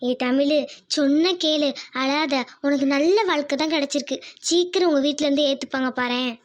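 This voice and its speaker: Woman doing a cartoon gal, high pitched, coaxing and talky. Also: steady tone, fairly quick, highs cut off, lightly acted. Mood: reassuring. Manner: coaxing, talkative. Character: chatty young village woman, loyal friend. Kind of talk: cartoon voice acting.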